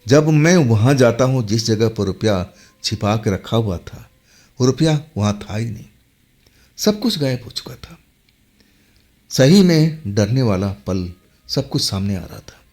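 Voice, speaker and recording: A man's voice: medium pitch, animated, unhurried, pauses often, a little mellow. A man telling a first-person horror story in a dramatic, emphatic way, with sudden jumps in his voice.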